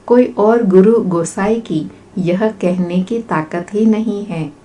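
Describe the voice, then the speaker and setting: A woman reading a religious discourse aloud in a measured, steady recitation. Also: mid-range voice. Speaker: spiritual reader.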